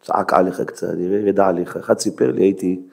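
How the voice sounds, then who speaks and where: Dramatic preaching man, hushed to loud. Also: sits low, fairly even intonation, creaky, breathy edge. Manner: dramatic, swings from hushed near-whisper to loud exclamations; emphatic, rhetorical questions. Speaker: rabbi. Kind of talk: Hebrew sermon.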